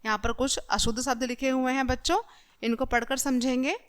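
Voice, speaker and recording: A woman's voice: sits high, steady tone, brisk, smooth. A woman teacher explaining a lesson patiently to young children, reading words and sentences aloud and correcting them.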